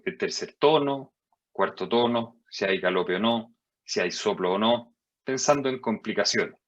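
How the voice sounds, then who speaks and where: A man lectures as a doctor in a low, measured voice. He walks through the material step by step and jumps higher in pitch to stress key points. The recording sounds dull and lo-fi. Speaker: physician lecturer. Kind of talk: medical lecture over slides.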